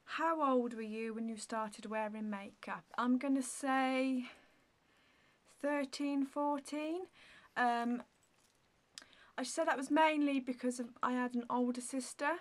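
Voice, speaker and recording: A woman's voice: high voice, fairly even intonation, slow. A woman in her thirties chatting casually to the camera in a Q&A vlog, answering viewer questions in a rambling way, full of ums and likes. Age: 30s. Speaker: beauty vlogger.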